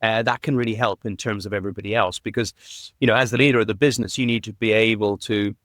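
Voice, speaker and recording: A man who is a podcast guest, telling a story in an animated, heartfelt way. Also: on the low side, fast talker, no room sound, clean studio sound. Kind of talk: conversational interview.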